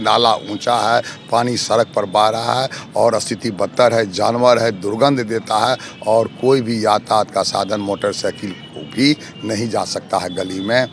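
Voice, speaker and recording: Forceful man listing complaints. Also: lowish voice. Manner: forceful, accusatory, repetitive lists. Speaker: local election candidate. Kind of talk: outdoor interview answers.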